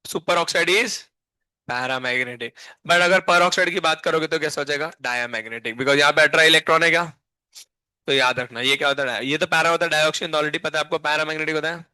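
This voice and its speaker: Male chemistry teacher, live class, bright tone, dry close sound, teases students, keeps asking "clear?". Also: a little high, moderate pace, dry recording. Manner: bantering and teasing students between explanations; frequent check-in questions to the class.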